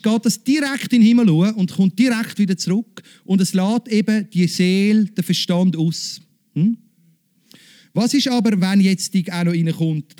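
Preacher, male, high voice, engages the congregation with questions. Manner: lively, asks the congregation questions. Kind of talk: sermon.

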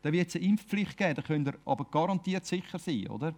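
An informal, chatty sermon comes from a man with a Swiss German accent who keeps ending his phrases by asking "oder?". His slightly high, slightly mellow voice is animated and moves at a quick pace.

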